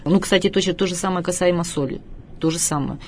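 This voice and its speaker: A middle-aged woman with a fairly low voice talks as a studio guest expert. She lectures with firm emphasis and stretches out the words she wants to stress. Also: fast talker, a little hiss or hum. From Russia. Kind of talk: studio talk show interview.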